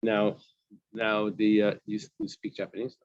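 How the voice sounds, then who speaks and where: A man with a low-leaning voice and completely flat delivery casually leads a Talmud study session at normal speed. He reads Hebrew phrases, translates them, and explains the text, in a dull, dry, lo-fi recording with no room sound.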